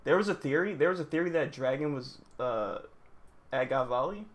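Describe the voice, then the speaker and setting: Excitable streamer guy reacting live, voice jumps all over, repeats stuff, slangy. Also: a little high, moderate pace.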